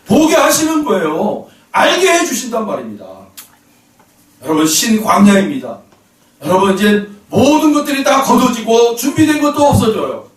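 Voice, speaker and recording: Lively high-voiced man preaching in an echoey church. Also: moderate pace. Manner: emphatic, keeps calling out to the congregation. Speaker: pastor. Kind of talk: sermon. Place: church sanctuary. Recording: roomy hall, voice from a distance.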